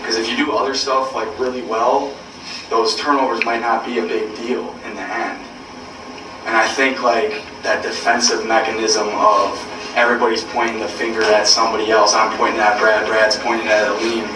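A man's voice: on the low side, flat delivery. Distant, echoey young man, secretly recorded. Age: young adult. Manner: halting and repetitive, earnest, blunt and profane. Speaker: college basketball player. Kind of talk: candid speech at a team meeting. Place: indoor room, captured from far off. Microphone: hidden recorder, far from the speaker. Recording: secret recording, distant, echoey, noisy, muffled room sound.

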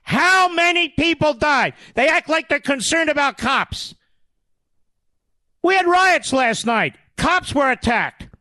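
A man's voice: very high-pitched, expressive, slow, bright, forceful tone, no room sound. A man hosting a talk radio show, delivering an indignant, sarcastic political rant into a studio microphone.

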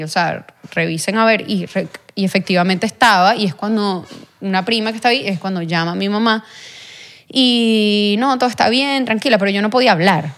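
A young adult woman, a podcast guest who tells a personal story in an earnest, halting way, full of fillers and restarts. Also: fairly high pitch, a bit bright. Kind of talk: personal testimony in a podcast interview.

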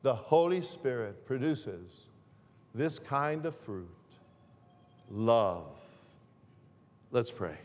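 A man preaching a sermon as pastor, repeating and restarting his phrases in a deliberate way. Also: mid-range voice, very animated, darkish tone, in a large hall. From northern Greece.

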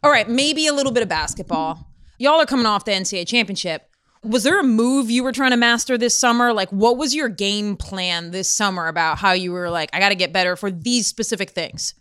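A woman's voice: mid-range voice, fairly quick, fairly bright tone, clear, resonant tone. A woman hosting a casual interview, asking friendly and teasing questions.

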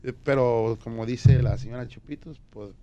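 A man appearing as a guest on a radio comedy show, polite and deferential, talking in quick repeated phrases. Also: medium pitch, fairly even intonation, mellow, muffled recording. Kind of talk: casual radio banter.

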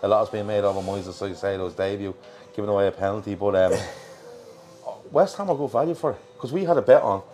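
A man's voice: fairly low pitch, a little fast, warm tone, faint music behind. An Irish man hosting a football show as a casual live chat, in a colloquial, matey manner. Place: pub in Liverpool. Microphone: worn mic.

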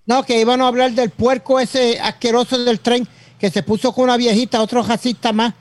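A man's voice: very high voice, flat delivery, fairly quick, no echo. A man co-hosting a podcast, casually chatting and bluntly cutting in. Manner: interjecting, blunt. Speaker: podcast co-host. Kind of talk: casual chat.

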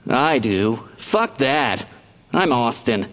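A man's voice: medium pitch, big pitch swings, takes it slowly, a bit bright, long reverb tail. An actor playing a sarcastic, blunt ghost who drops his dinner-theater role. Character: snarky male ghost actor, Colonel Mustard role. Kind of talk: audio drama acting.

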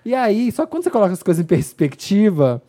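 Mellow-voiced in casual chat. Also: mid-range voice, very animated, fast talker. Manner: chatty, laughs often.

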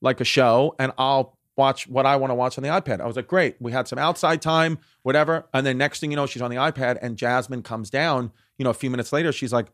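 Male podcast host, thirties, mid-pitched, dry close mic, rambling and laughing. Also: steady tone, quick pace, few pauses, a bit bright, no room sound. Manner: rambling, repeats words, laughs often. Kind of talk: casual comedic chat.

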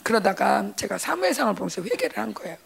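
Husky pastor's wife telling a story. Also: female voice, medium pitch, fast talker. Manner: animated, laughing, acts out quoted voices. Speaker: pastor's wife giving testimony. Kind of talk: church testimony, chatty storytelling.

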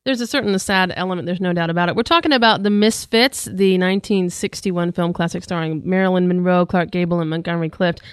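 A woman's voice: on the low side, quick pace, few pauses, clean tone, dry recording. A woman hosting a casual radio film review, chatty and good-humored. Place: radio studio.

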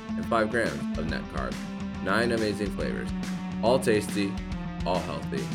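A man reading a scripted podcast ad as an upbeat promotional sales pitch. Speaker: podcast host. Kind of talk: scripted ad read.

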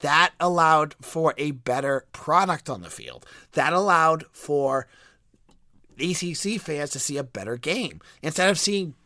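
A man hosts a sports podcast with a stuffed-up nose and a cold. His fairly high voice cracks and squeaks slightly as he gives emphatic, conversational opinions. The sound is close and dry. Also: animated, a little slow, pushed and bright, no echo. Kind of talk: solo sports podcast commentary.

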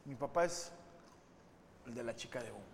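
A man with a Mexican accent, a podcast co-host, rambling and joking through an animated anecdote. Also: medium pitch, normal speed, gravelly, in a large hall, a little hiss or hum. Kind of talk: comedic podcast banter.

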